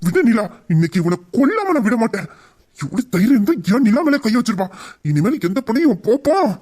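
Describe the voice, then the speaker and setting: A man's voice: very high-pitched, very animated, fast talker, a little mellow, heavily acted. A man voicing a protective young lover, anxious with questions and furious with threats, in an amateur audio drama. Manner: worried questioning, angry threats.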